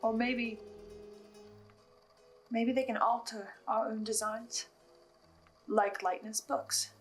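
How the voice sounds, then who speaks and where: Faint music sits behind a woman whose voice is on the high side, with fairly even intonation, and who takes things slowly. She's hosting a horror audio drama recap, spinning theories for the listener in a dramatic, emphatic manner through scripted commentary with asides.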